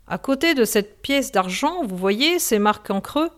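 A woman voicing an old male sea pilot, grave and commanding, who speaks in firm, steady orders. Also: a little high, measured pace.

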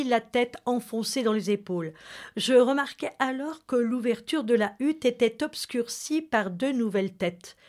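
Slow, calm female storyteller. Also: fairly high pitch. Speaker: reader and host of the reading. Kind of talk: scripted narration of a novel.

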